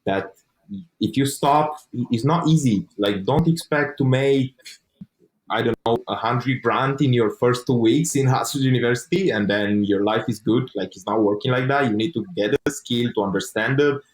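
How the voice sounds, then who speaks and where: In a low-quality recording, a young man for whom English isn't a first language shares his story in an interview. He is earnest, restarts often, and swears casually, speaking at a medium pitch and moderate pace.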